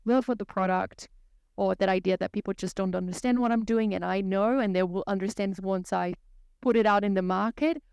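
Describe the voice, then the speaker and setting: Brazilian-accented woman, podcast guest, smooth resonant voice, slight fry, dry sound. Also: mid-range voice, a little mellow, no room sound. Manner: thoughtful, explanatory, measured. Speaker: guest consultant. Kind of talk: podcast interview.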